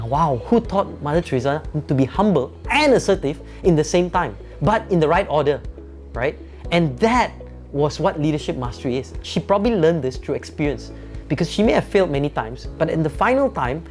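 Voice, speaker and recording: A man's voice: a little high, a little mellow. A man, a company founder giving an emphatic motivational talk on leadership, often adding "right?" tag questions.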